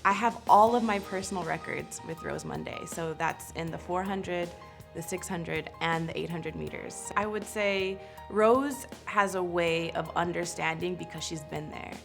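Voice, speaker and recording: A woman athlete speaking warmly about her coach in an interview. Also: lowish voice, unhurried, gravelly, over music. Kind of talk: interview in a tribute video.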